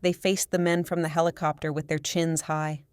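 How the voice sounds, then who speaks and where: Low, smooth-voiced woman narrating an audiobook. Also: little pitch movement, normal speed, no room sound, clean studio sound. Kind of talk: first-person scripted audiobook narration.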